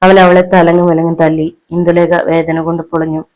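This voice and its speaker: A woman from Kerala reading a family thriller novel aloud as an audiobook, in a steady, dramatic storytelling manner. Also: fairly low pitch, normal speed, low-quality recording. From Kerala, India. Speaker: audiobook narrator. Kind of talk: scripted novel narration.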